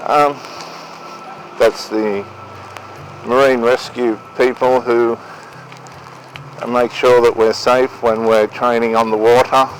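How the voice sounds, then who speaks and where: An Australian man giving an unscripted talk to viewers in a deliberate, halting way. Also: medium pitch, little pitch movement, low-quality recording. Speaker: vlogger giving relationship advice. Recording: outdoor noise behind the voice.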